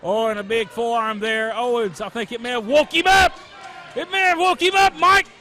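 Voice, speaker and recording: A man's voice: very high-pitched, moderate pace, sharp tone. A man working as a wrestling commentator, calling the action in dramatic exclamations and rhetorical questions. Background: crowd at a wrestling event.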